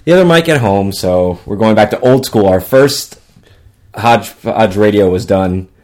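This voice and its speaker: Male podcast co-host, lowish voice, loose joking banter, recorded slightly far from the mic. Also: animated, unhurried, a little mellow. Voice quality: frequent throat clearing. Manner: crude, joking, profane. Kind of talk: casual chat. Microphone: one shared microphone. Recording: distant from a single shared mic.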